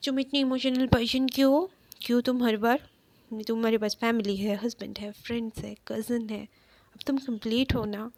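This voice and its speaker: A woman's voice: fairly high pitch, fairly even intonation, moderate pace, darkish tone, no room sound, natural voice. A woman voicing an irritated, protective young husband in a spoken fan-fiction retelling, in an everyday tone. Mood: teasing.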